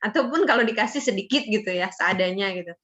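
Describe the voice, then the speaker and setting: A woman's voice: mid-range voice, expressive, fast talker, a bit bright. A young adult woman presenting a student assignment in a casual, chatty way, with lots of fillers. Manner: chatty, with many fillers and tag words.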